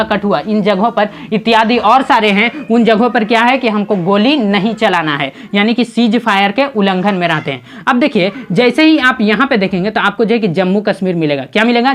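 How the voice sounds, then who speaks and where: A man's voice: sits high, fairly bright tone. Male teacher, exam-prep map lesson, asks and answers his own questions, heavy repetition drills. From Bihar, India. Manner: asks quiz questions and answers them himself, drills by repeating.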